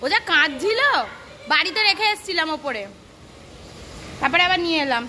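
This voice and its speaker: A woman's voice: extremely high pitch, lively intonation, normal speed, sharp tone. A young woman from Kolkata with a Kolkata Bengali accent, chatting casually to her phone camera at home in a vlog. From Kolkata, India. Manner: chatty, narrates family moments to the camera. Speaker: lifestyle vlogger. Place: family home, indoors. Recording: noisy home phone recording.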